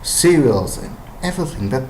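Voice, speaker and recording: A man's voice: medium pitch, sing-song, normal speed, darkish tone, slight background noise. A man with an Israeli accent and Hebrew as his first language, giving language-learning advice in a hesitant, casual monologue full of fillers and restarts. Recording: roomy echo.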